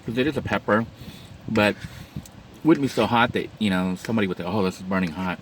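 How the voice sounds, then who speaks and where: In a low-quality recording with slight hiss or hum, a man with a lowish voice talks a little fast. He's vlogging from his parked van, chatting unhurriedly while he eats and describing the food in detail, mukbang style.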